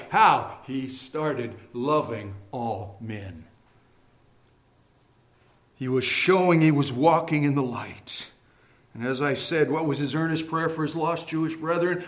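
A man delivers a fervent sermon in a high-pitched, bright and forceful voice. He preaches emphatically, putting rhetorical questions to his listeners and answering them with conviction. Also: echoey room. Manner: emphatic, impassioned preaching that rises to shouting; repeatedly addresses listeners as friends.

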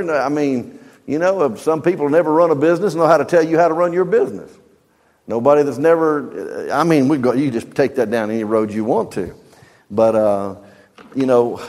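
An older man teaching from the Bible in a relaxed, folksy sermon style. His voice sits at an ordinary middle pitch and climbs sharply when he acts out a story. The sound carries a long reverb, as in a church hall. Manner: folksy, conversational, rising animated when telling stories. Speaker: preacher.

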